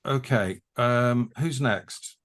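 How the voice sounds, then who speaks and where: A man tutoring a haiku workshop over a video call, talking in halting restarts as he thinks aloud. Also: mid-range voice, fairly bright tone. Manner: halting, repeats words while thinking. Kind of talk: conversational teaching.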